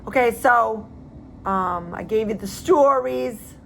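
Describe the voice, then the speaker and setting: Emphatic higher-voiced woman real estate agent. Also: slow, creaky, slight background noise. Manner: emphatic, repeats words for stress. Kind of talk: casual advice talk.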